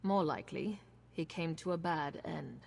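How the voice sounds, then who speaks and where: A woman's voice: low voice, moderate pace, gravelly, darkish tone. An actress playing a wary, practical woman gambler in a video game, speaking in a dry, matter-of-fact way. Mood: guarded. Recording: long reverb, faint noise.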